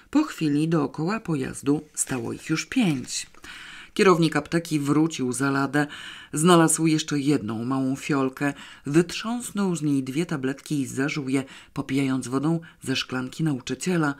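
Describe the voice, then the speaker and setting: A reader narrating a comic novel aloud, with a lively, dry comic delivery. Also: medium pitch. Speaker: audiobook reader. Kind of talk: scripted narration.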